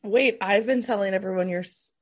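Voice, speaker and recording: A woman's voice: mid-range voice, a little fast. A woman in her thirties co-hosting a podcast, chatting casually and with bubbly energy. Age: 30s. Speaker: podcast co-host. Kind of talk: casual chat.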